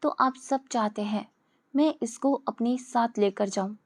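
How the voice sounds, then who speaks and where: A woman's voice: a little high, unhurried. A woman voicing an arrogant, cold young rich man who talks in a cool, sarcastic, dismissive way. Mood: scornful.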